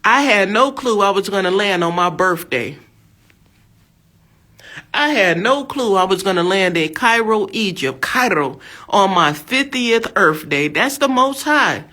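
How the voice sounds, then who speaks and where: An expressive, sharp-toned woman with a mid-range voice speaks a little slowly. In her fifties and from the USA, she gives a fervent religious testimony, emphatic and exhortative, circling back to the same phrases.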